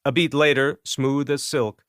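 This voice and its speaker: A man reads an audiobook in a measured, steady way. His voice sits mid-range and sounds close and dry, as in a studio booth. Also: medium pitch, dry recording. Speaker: audiobook narrator. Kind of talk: scripted narration.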